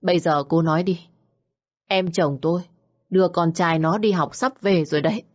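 A woman's voice: on the low side, normal speed, a little mellow, muffled recording, natural voice. A woman voicing a stern, wronged older woman who questions coldly and sharply. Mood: angry.

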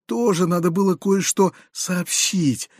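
A man reading an audiobook, voicing an anxious, kindly middle-aged uncle who confides in hushed, lowered tones with hurried outbursts. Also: no echo, studio quality. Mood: confiding, distraught.

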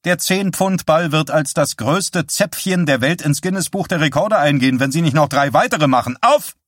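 A man voicing a small, brisk, teasingly bossy woman physical therapist with a shrill voice. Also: a bit bright, no echo, studio quality.

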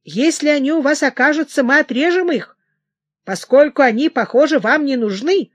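A woman reading the part of a furious, unhinged young king who shouts in hysterical outbursts. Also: fairly high pitch, big pitch swings, slow pace, no echo, full character voice. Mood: raging.

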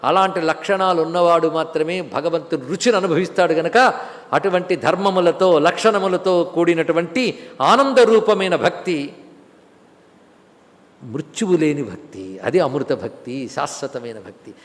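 A male spiritual lecturer giving a devotional scripture discourse, chanting verses in a sung cadence and then explaining them with lively storytelling. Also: on the high side, moderate pace. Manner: storytelling with lively rises and drops. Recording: long hall reverb.

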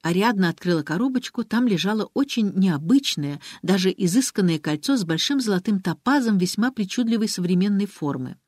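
Brief: woman audiobook narrator, lively intonation, dry close recording. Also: mid-range voice, a little fast, few pauses, no echo. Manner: expressive, animated reading.

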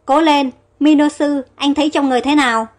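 A woman voicing an anxious, quick-witted young woman, speaking in worried, urgent bursts. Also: high-pitched, steady tone, faint music behind, lightly acted. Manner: worried, urgent inner monologue. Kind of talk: storybook character voice.

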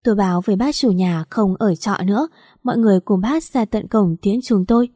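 A woman narrates a first-person story in a calm, steady manner. Her voice is dark and mellow, and the recording is dry and close with no room echo. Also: medium pitch, brisk.

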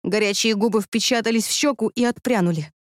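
A woman narrating a first-person audiobook in an expressive, breathy reading voice. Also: on the high side, brisk, no echo, clean studio sound.

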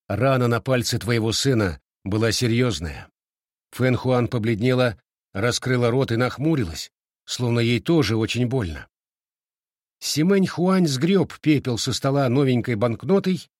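Brief: expressive male novel reader, dry close recording, husky tone. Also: medium pitch, no room sound. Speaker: audiobook narrator. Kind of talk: scripted narration of a novel.

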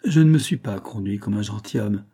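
A man with a lowish, mellow voice plays a sick, self-pitying glassmaker in middle age, moaning and pleading in a plaintive, feverish way. His delivery is animated and fairly quick, and the character sounds feverish, in pain, and pleading.

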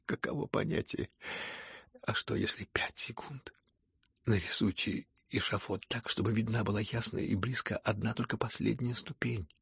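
A man with a husky, gravelly voice voicing a gentle young prince who speaks thoughtfully and often sinks into a whisper. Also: fairly low pitch, steady tone, no room sound, clean studio sound, full character voice. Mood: hushed, musing. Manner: musing, slows down and drops to a whisper.

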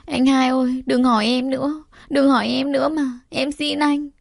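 A woman voicing a frightened young woman in an audio story, high and pleading through tears. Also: brisk, darkish tone, no room sound, studio quality. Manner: pleading, sobbing. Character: frightened tearful young woman, pregnant daughter.

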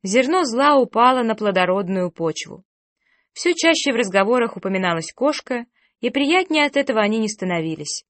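A woman narrating an audiobook in a measured, steady reading voice on a close microphone. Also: fairly high pitch, no echo.

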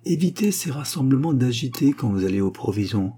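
A man voicing a stiff old bachelor gentleman. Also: mid-range voice, sing-song, fairly quick, breathy edge, voice pushed up. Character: elderly gentleman bachelor, fussy, proud.

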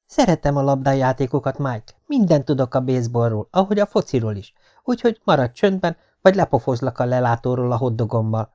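Man voicing a feisty young woman, sharp-tongued, teasing, raised pitch, audiobook. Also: animated, creaky. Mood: indignant.

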